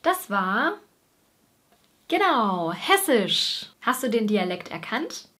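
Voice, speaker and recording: A woman with a Bavarian accent presents a language lesson to her viewers. Her voice sits a little high, and she speaks slowly and clearly, as a teacher does. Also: big pitch swings, bright, forceful tone. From Bavaria, Germany. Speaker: German teacher and video host.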